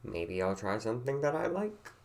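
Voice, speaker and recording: A man's voice: medium pitch, very animated, moderate pace, creaky, darkish tone. A tired man in his thirties from West Virginia with a light country accent, rambling through a casual vlog in a meandering, self-deprecating way. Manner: meandering and self-deprecating, trails off into repeated words. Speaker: vlogger.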